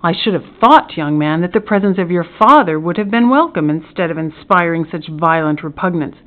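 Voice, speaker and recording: A woman's voice: medium pitch, lively intonation, close to an everyday voice. Woman voicing old-timey magistrate man, kind, serious, very proper, muffled phone-like sound. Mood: severe. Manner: formal, measured. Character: benevolent male magistrate, measured, grave and fatherly.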